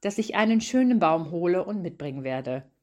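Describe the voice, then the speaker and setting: A woman's voice: lowish voice, animated, normal speed, natural voice. A woman reading the lines of a kind, proud young father in a Christmas story. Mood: gentle. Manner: gentle, affectionate.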